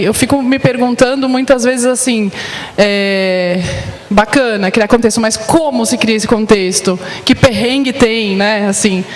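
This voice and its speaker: A woman moderator with a fairly high voice steers the debate, asking probing questions in a loose, chatty way. Her voice rings in an echoey hall with a long reverb. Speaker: panel moderator. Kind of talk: performed talk show debate.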